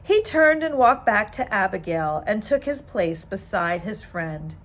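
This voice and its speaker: With a medium-pitched voice, this female teacher brings a children's story to life, reading it aloud slowly and expressively.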